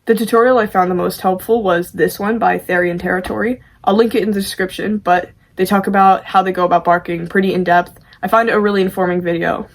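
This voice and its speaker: Female amateur vocalist as tutorial host: informal, self-deprecating, medium-pitched, conversational delivery. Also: steady tone, quick pace, hardly any pauses. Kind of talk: casual video tutorial.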